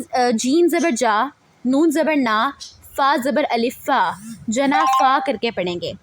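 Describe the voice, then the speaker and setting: A woman teaching Quran recitation rules, spelling out letters and syllables in a slow, deliberate drill. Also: sits high, no echo.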